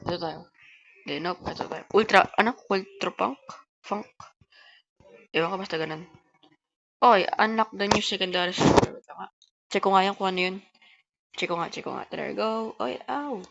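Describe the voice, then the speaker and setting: A woman who talks fast, giving casual gameplay commentary and chatting to her viewers as host of a gaming channel. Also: mid-range voice, creaky, highs cut off, slight background noise. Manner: fast-talking.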